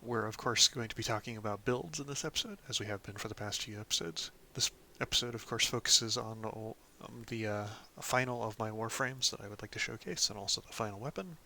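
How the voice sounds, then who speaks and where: Guy chilling through a game build guide, kinda low but bright punchy tone, lots of ums, little bit of hum behind. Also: brisk, creaky, few pauses. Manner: relaxed, lots of ums and "of course". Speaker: gaming channel host. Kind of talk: casual game guide walkthrough.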